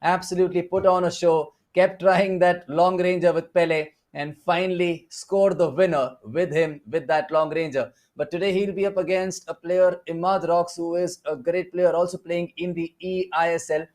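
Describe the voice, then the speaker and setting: A man with an Indian English accent commentates an esports football match, his voice sitting on the higher side. He calls the play live and lifts sharply when a big chance comes. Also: steady tone, moderate pace, hardly any pauses, darkish tone.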